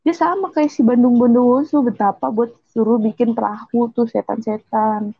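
A woman's voice: on the high side, steady tone, normal speed, husky, no room sound, phone-quality sound. A young woman chatting casually, retelling a folk tale in a rambling way and correcting herself as she goes.

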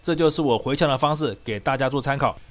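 Fast, combative male political commentator. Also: mid-range voice. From Taiwan. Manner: combative, scornful, rapid ranting. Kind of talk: opinion monologue.

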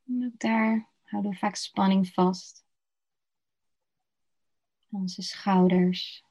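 A woman guiding a slow body-scan relaxation meditation in a soft, soothing voice with long pauses. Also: medium pitch, steady tone. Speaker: meditation guide. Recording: dull lo-fi recording.

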